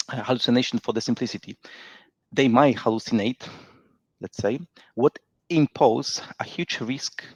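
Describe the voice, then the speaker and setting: A man's voice: mid-range voice, no room sound. Webinar guest: man, explanatory and thinking aloud, on a dull, dry video-call line. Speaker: webinar guest, tech company representative. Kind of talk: business webinar discussion. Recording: dull lo-fi remote call audio.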